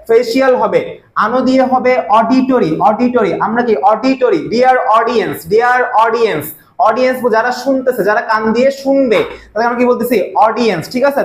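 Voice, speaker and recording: A man tutoring for admission exams in a casual lesson, with a Bangladeshi Bengali accent, who repeats key terms and keeps asking quick check questions. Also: extremely high pitch, echoey room.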